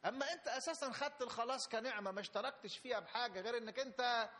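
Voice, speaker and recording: High-voiced Egyptian preacher. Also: male voice, racing, bright, forceful tone. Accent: Egyptian Arabic. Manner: emphatic, repeats phrases, rising fervor. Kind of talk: sermon.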